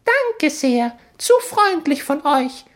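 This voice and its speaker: A man's voice: very high-pitched, big pitch swings, slow, a bit bright, voice pushed up, full character voice. A man voicing a smug, overly polite talking baby who knows it all, in a storybook reading. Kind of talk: storybook narration.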